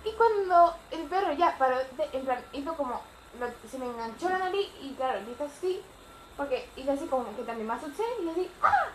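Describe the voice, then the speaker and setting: A woman's voice: high voice, animated, fairly quick, echoey room, slight background noise, low-quality recording. A young woman with a Spanish accent from Spain, rambling chattily with many fillers in a casual storytime vlog at home. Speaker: vlogger. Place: home living room.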